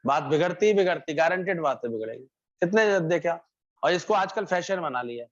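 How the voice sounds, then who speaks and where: A man's voice: fairly high pitch, expressive, a little fast. Man giving a satsang talk, storytelling style, kinda dull lo-fi sound. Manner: storytelling, acts out characters' lines, repeats phrases. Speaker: satsang preacher. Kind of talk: devotional sermon with parable. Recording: muffled lo-fi recording.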